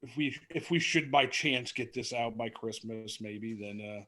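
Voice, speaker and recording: A man co-hosting a podcast in casual chat, animated and jokey with a playful, theatrical way of talking. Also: medium pitch, measured pace. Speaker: podcast co-host.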